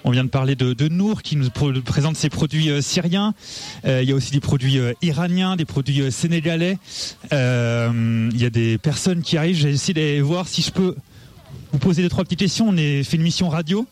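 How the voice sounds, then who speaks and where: A man's voice: a little high, a little fast, a little mellow. A man reporting live for radio, hesitating often with many fillers and restarts.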